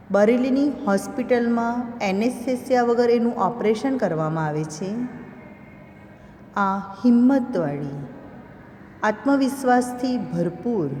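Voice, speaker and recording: Woman, teacher, expressive storytelling, mellow tone, echoey reverberant room. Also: medium pitch, a little hiss or hum. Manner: expressive storytelling, slows down for emphasis. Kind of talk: explaining a school literature lesson.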